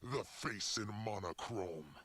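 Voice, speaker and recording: A man singing a menacing put-on villain vocal take, with a pitch-shifted demonic voice layered underneath. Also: expressive, takes it slowly, a bit bright. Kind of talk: recorded song vocal take.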